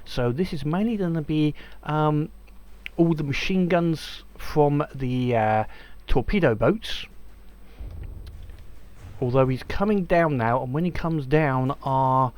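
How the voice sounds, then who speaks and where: A man's voice: fairly high pitch, takes it slowly, a little mellow. A man giving casual let's-play commentary, chatty and hesitant with many ums and restarts. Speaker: gameplay commentator.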